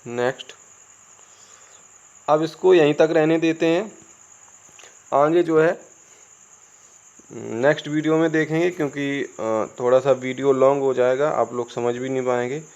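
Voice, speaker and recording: A man's voice: medium pitch, steady tone, measured pace, long pauses, a little mellow, smooth. A man with an Indian accent, a native Hindi speaker, teaching English. He spells words out letter by letter and asks and answers his own questions. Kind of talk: classroom-style spoken lesson. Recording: dull lo-fi recording, crickets behind.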